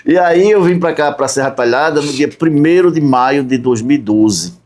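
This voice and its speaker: A man from Recife chats as a podcast guest. He talks at an unhurried pace, listing his jobs one by one and tagging his sentences with a questioning "né?". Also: a little high, a crowd in the background. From Recife, Brazil. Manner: unhurried, lists his work step by step with frequent "né?". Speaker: podcast guest, tourism guide. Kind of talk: casual interview chat.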